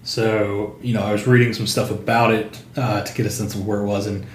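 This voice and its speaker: A man co-hosting a podcast, chatting casually about comics, halting with fillers and restarts. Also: on the low side, little pitch movement, a little hiss or hum. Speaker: podcast co-host. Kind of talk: casual comic book chat. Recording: roomy untreated room sound.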